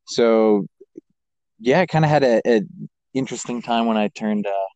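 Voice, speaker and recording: An American man in his twenties who grew up in Kazakhstan and Japan casually shares personal stories as a podcast interview guest. His mid-range voice is a little mellow and moves at a moderate pace. The recording has no echo, and the highs are cut off.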